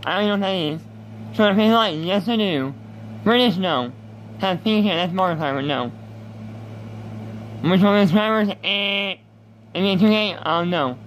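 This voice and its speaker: A man's voice: high voice, a bit bright, a little hiss or hum, low-quality recording. A man in his twenties, a YouTuber, rambling as he reads game questions aloud and answers them offhandedly. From United States. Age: 20s. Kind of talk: casual gaming commentary.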